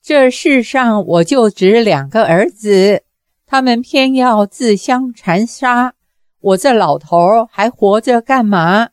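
一位女性朗读者演绎一个因丧妻而疯癫的老年男子，嚎啕哭喊，声音粗厉。. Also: female voice, on the high side, expressive, slow, no echo, studio quality. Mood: wailing grief. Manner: sobbing, loud and harsh. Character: grief-crazed older man, wild and wailing. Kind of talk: audiobook character voice.

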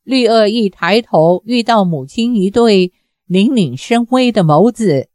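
Slow, deliberate woman narrator. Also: mid-range voice, lively intonation, a little mellow, no room sound, clean studio sound. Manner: measured, deliberate storytelling. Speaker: audiobook reader. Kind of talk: scripted novel narration.

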